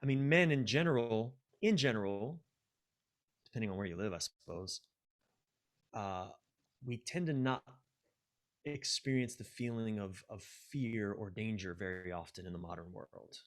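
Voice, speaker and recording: A man with a lowish voice appears as a coach and guest on a podcast, explaining ideas reflectively and haltingly while repeating key words for emphasis.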